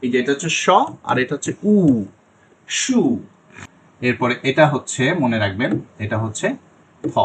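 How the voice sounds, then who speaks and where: A man's voice: medium pitch, fairly bright tone, breathy edge. A young man teaching an online English pronunciation lesson, explaining each sound and repeating it, and often checking that the class follows.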